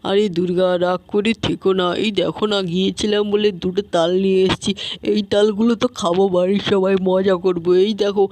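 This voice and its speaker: A woman's voice: mid-range voice, little pitch movement, brisk, a little mellow, natural voice. A woman voicing a good-natured uncle in a doll story, pleading with his cross wife in a coaxing way.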